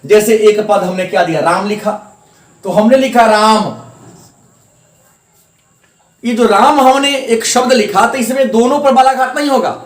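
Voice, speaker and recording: Male teacher from India, high voice, patient step-by-step grammar explainer, roomy echoey sound. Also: moderate pace. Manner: repetitive, explaining step by step, stressing syllables. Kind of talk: classroom grammar lesson. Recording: echoey room.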